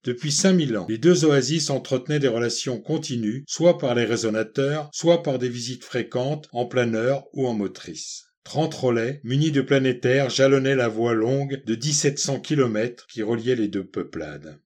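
Man reading a novel aloud, measured. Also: medium pitch, darkish tone. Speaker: audiobook narrator. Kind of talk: scripted narration of a novel.

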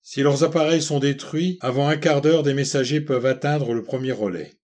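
A man's voice: mid-range voice, moderate pace, a little mellow, natural voice. A man reading the part of an earnest man who dreams of his people's future, speaking with impassioned pleading in an audiobook. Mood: insistent.

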